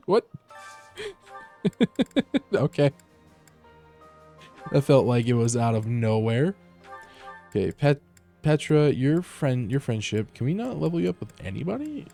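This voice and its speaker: A man's voice: medium pitch, sing-song, slow, vocal fry, long pauses, warm tone, faint music behind. A man streaming from home through a headset mic, chatting casually as he plays, rambling with lots of fillers and restarts. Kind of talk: casual live gameplay commentary.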